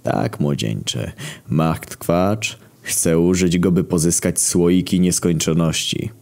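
A man voicing a weary old sculptor with a hoarse voice and slow mournful drawl. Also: low-pitched, darkish tone, exaggerated voice. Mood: solemn.

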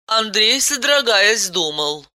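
Slow, lively woman audiobook narrator. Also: medium pitch, no room sound, studio quality. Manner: measured storytelling. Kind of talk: scripted narration.

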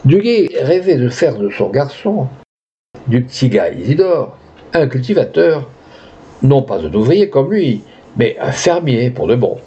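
Guy reading an old story aloud, super lively up-and-down voice, muffled lo-fi sound. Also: mid-range voice, a little slow, slightly rough. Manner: expressive storytelling. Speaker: narrator. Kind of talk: audiobook reading of a classic tale.

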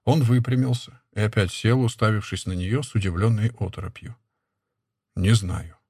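Male literary narrator, husky, mid pitch, steady and measured. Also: dry recording, studio quality.

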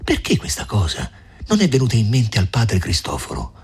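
A meek young peasant woman, as a male reader puts her on, soft and half-whispered. Her voice sits high and breathy and stays modest. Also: huge pitch swings, moderate pace, heavily acted. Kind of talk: audiobook reading.

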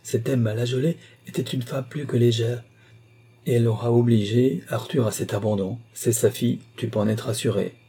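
A man's voice: mid-range voice, fairly even intonation, normal speed, warm tone, slightly rough. A man voicing a middle-aged mother who presses her son with insistent, persuasive arguments.

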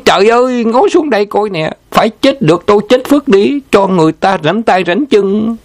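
A man's voice: lively intonation, fairly quick. A man voicing a jealous wife who shrilly screams and scolds her husband. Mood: furious, shrill. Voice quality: shrill, sour-sounding. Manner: screeching, scolding.

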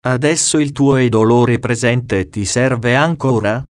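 A man's voice: mid-range voice, takes it slowly, no room sound, clean studio sound, natural voice. A man voicing a pious noblewoman who earnestly and persistently questions a spirit.

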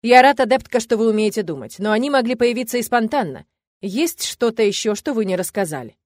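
A woman's voice: fairly high pitch, animated, fairly quick, no room sound, clean studio sound, voice pushed up, close to an everyday voice. A woman voicing a stern, curt male academy rector in a fantasy audiobook.

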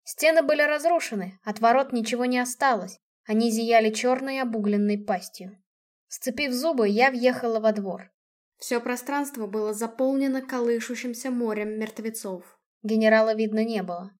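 A woman reads a first-person story aloud with lively expression. Her voice sits fairly high. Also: normal speed. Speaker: audiobook narrator.

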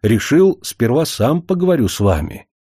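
A man's voice: medium pitch, sing-song, normal speed, dark tone, husky, no echo, studio quality, pitched above the performer's own voice. A man playing an earnest lovestruck young man. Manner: eager, pleading, raised voice.

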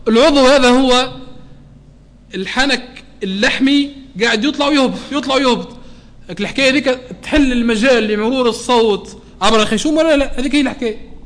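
A man with a Tunisian Arabic accent teaching a Quran recitation lesson to a class, often checking that students follow and slowing down to model sounds. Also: extremely high pitch, a bit bright.

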